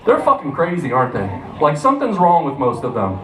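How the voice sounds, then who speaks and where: An American man performing a stand-up comedy set, telling profane, animated stories and acting out the voices of the people in them. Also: fairly high pitch, fairly quick. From United States. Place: comedy club stage with a live audience. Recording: roomy club sound, distant mic, audience laughter.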